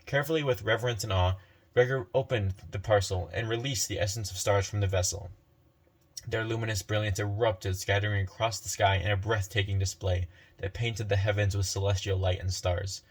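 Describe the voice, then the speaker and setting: A man's voice: fairly low pitch, fairly even intonation, a little fast. A man narrating a fantasy story as a storyteller, reading unhurriedly and often correcting himself.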